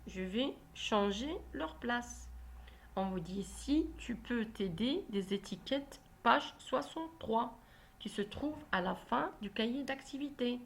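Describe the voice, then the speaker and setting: A woman teacher talks young children through reading exercises at a slow, deliberate pace. She spells out each instruction clearly and repeats it so no one is left behind. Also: a little high, animated. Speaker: primary school teacher. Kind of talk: reading lesson walkthrough.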